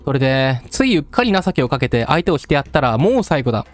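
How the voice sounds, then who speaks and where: Male streamer doing a coarse, menacing storyteller, fast and lively. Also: medium pitch, no room sound, natural voice. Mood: taunting. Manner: gruff, coarse street speech, addressing the listener directly. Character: rough-talking male storyteller, menacing and taunting. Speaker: game let's-play narrator.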